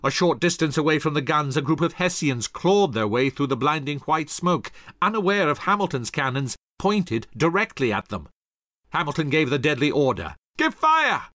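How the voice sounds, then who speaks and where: A man's voice: fairly high pitch, animated, normal speed, fairly bright tone, no room sound. A man narrating a scripted history story dramatically, acting out the voices of the people in it. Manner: dramatic, acts out quoted voices.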